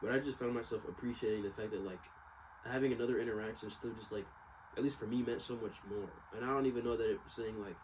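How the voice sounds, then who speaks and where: A vlogger with a lowish, steady voice talks fast and casually to viewers at home. His monologue is rambling, slangy, hesitant and reflective, and background noise is clearly audible.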